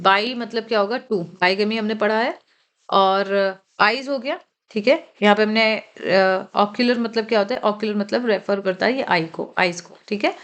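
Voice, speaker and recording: A woman teaching English vocabulary for competitive exams, who explains slowly, spells words out letter by letter and keeps checking with "ठीक है?". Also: medium pitch. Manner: mixes Hindi with slow, careful English phrases. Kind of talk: exam-prep vocabulary lesson.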